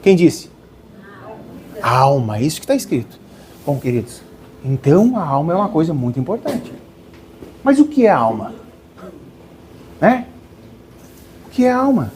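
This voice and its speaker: Animated man lecturing a crowd. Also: a little high, normal speed, pauses often, slight background noise. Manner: animated, questions the audience, calls them dear ones. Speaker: spiritual lecturer. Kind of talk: live lecture to an audience.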